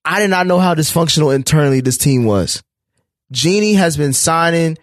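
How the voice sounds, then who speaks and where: A man's voice: fairly high pitch, normal speed, dry recording, clean studio sound. A man co-hosting a sports podcast, talking animatedly and often restarting his words as he jumps into the debate. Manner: animated, talks over others, repeats words when starting. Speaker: podcast co-host.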